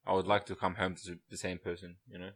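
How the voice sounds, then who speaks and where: Twenties male podcast co-host, low-pitched, easygoing chat with lots of laughs. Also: little pitch movement, quick pace, fairly bright tone. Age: 20s. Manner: laid-back, laughs often, says "bro" and "you know". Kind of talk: casual chat.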